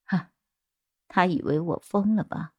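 A woman voicing a frightened, guarded young woman who answers quietly. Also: lowish voice, measured pace, slightly rough, no echo, muffled recording. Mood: fearful.

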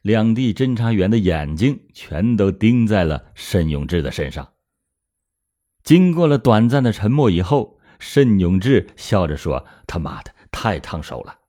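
A man's voice: fairly low pitch, dark tone. A man hosting a show and telling a true-crime story in a dramatic, emphatic manner. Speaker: storyteller and host.

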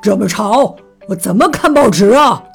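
A woman voicing a gruff, blustering father bear in a children's picture-book story. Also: mid-range voice, animated, faint music behind. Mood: irritated, blustering. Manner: loud, blustering, deliberate.

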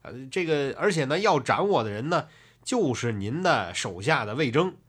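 A man's voice: medium pitch, very animated, moderate pace, a bit bright, husky. A man playing a blustering dragon king. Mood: pleading. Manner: threatening, then begging with stammers. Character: blustering male dragon king turned pleading.

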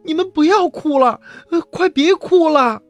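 A man's voice: very high voice, very animated, moderate pace, no room sound, faint music behind, pitched above the performer's own voice. A man voicing a flustered monster schoolteacher in a storybook, coaxing and pleading.

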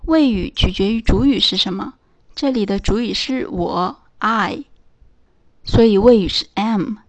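A woman teaching English in a scripted lesson, reading out example phrases slowly and clearly. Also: medium pitch.

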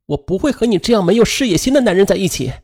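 A man's voice: high-pitched, expressive, racing, a little mellow, husky, pitched above the performer's own voice. A man voicing a bitter, proud divorced mother. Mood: contemptuous. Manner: contemptuous, later remorseful and weeping.

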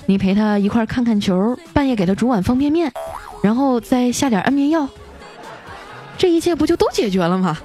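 Lively woman telling comic jokes. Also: fairly high pitch, brisk, soft background music. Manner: animated, playfully acts out the people in her jokes. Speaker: radio show host. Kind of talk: comic joke storytelling.

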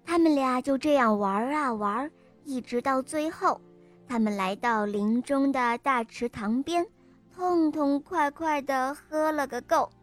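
A woman narrating a children's bedtime story in a slow, gentle, sing-song way. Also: high-pitched, soft background music.

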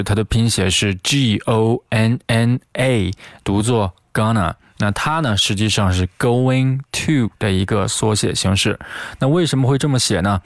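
Low-voiced man explaining English phrases. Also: no room sound, studio quality. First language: Chinese. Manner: patient, demonstrates pronunciation by repeating phrases slowly. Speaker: English teacher.

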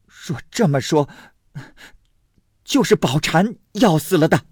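Male reader voicing a scolding, shrewish mother, pitched up and sharp; dry sound. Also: lively intonation, normal speed, husky, dry recording, full character voice. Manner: shrill, scolding. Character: shrewish older mother, shrill and scheming.

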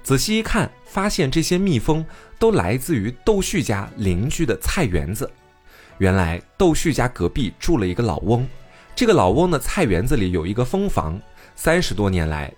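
A man's voice: mid-range voice, moderate pace, soft background music. A man retelling an old folk tale in a casual, chatty way, adding his own remarks. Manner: lively, chatty, comments with laughter. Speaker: storyteller host. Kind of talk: casual storytelling.

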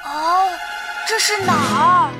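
A woman's voice: very high-pitched, slow pace, over loud music. A woman voicing a small, plucky young male mouse hero in a children's audio fairy tale, earnest and childlike. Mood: bewildered.

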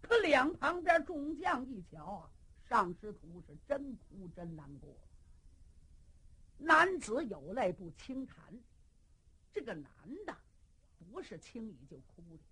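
A woman telling a traditional story, narrating in a dramatic, expressive way with a sung lament. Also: mid-range voice, husky.

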